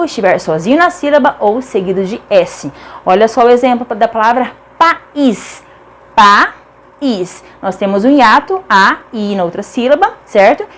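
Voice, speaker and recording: Brazilian lady teacher, bit high voice, super emphatic, keeps repeating words and asking why. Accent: Brazilian Portuguese. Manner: emphatic, repeats key words, asks rhetorical questions. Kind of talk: online grammar lesson.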